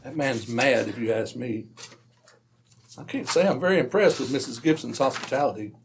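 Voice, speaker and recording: A man playing a proper, easily flustered British gentleman doctor, blustery and polite, in an old-time radio drama. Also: mid-range voice, animated, moderate pace, heavy background noise, natural voice. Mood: indignant. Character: indignant, easily flustered gentleman doctor, detective's loyal companion.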